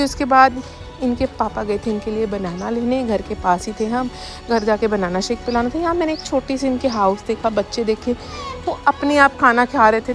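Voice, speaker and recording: A young woman chatting fast in a family vlog voice-over, talking straight to her viewers. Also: a little high. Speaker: family vlogger. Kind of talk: casual voice-over narration of daily life. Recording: voice-over with faint background music.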